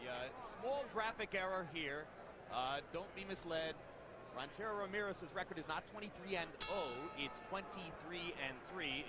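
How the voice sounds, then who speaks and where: A man doing live play-by-play boxing commentary in articulate, storytelling phrases. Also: sits high. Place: ringside at a boxing arena. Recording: loud arena noise behind voice.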